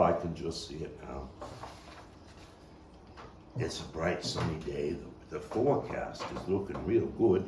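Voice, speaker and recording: An actor and playwright performs his own dramatic stage monologue at a table read, playing a streetwise, nostalgic Brooklyn baseball fan. His voice is low, exaggerated and full of vocal fry, with deliberate pauses and big swings in volume. The recording is roomy, from a distant mic with faint noise.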